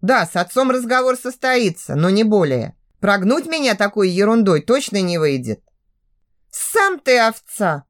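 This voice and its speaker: A woman narrating a first-person audiobook in an expressive, sultry reading style. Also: medium pitch, moderate pace, hardly any pauses.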